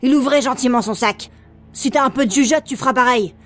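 A woman's voice: high voice, a little fast, faint music behind, pitched above the performer's own voice, lightly acted. A woman voicing a hulking teenage boy who leads a gang, with a hard, commanding and threatening way of speaking.

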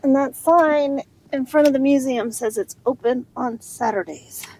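A woman's voice: high voice, measured pace, noisy background. A woman, giving short dry replies while touring a town outdoors. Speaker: travel vlogger. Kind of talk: casual tour chat. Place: outdoors in a small town, windy.

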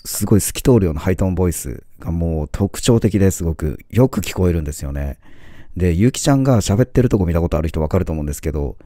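A man's voice: deep voice, lively intonation, fast, warm tone, no room sound, studio quality. A man in his forties chatting casually in a vlog, talking with enthusiasm and plenty of filler words. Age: 40s. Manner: enthusiastic fan talk with many fillers. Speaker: vlogger. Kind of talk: casual chat.

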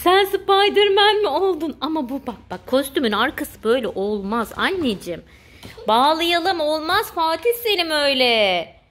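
Young mom with a high voice, cooing and playful at her toddler, family vlog. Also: lively intonation, normal speed, a bit bright. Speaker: mother and channel host.

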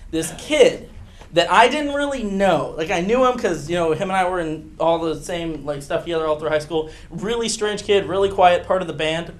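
A young man with a high-pitched voice delivers a comic true-story monologue. He rambles, backtracks and pokes fun at himself. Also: moderate pace, slight background noise. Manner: rambling, self-mocking storytelling. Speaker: improv performer.

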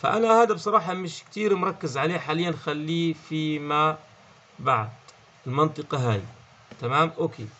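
A man's voice: on the high side, a little fast, bright, forceful tone, lo-fi sound. A man with a Levantine Arabic accent teaching French in an explanatory lesson, often checking in and repeating key words. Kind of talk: online language lesson.

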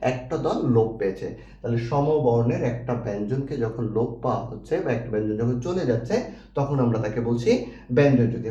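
A man's voice: medium pitch, dark tone, roomy sound, dull audio. A man teaching a grammar lesson, asking questions and answering them himself and repeating key terms.

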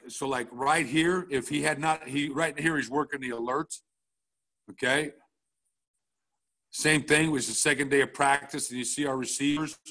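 A man's voice: on the high side, fairly bright tone. A middle-aged man, a football coach, walking through game film at a coaching clinic in a blunt, casual way, checking in often with "all right?".

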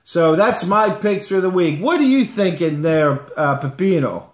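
A middle-aged man hosting a homemade sports picks show in a casual, informal chatting style, with pauses between phrases. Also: high voice, animated. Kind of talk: casual comedic show chat. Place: living room at home. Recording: roomy home webcam sound.

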